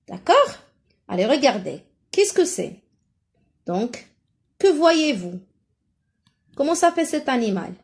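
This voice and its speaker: Woman, Moroccan French accent, schoolteacher, slow drawn-out syllables, bouncy pitch, encouraging. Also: darkish tone. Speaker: primary school teacher. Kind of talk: teaching a first-grade phonics lesson.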